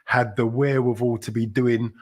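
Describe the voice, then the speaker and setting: With a medium-pitched voice, flat delivery and moderate pace, a middle-aged man from South London, England, hosts a casual livestream in his London accent. He chats and rambles, now and then bursting into upbeat exclamations.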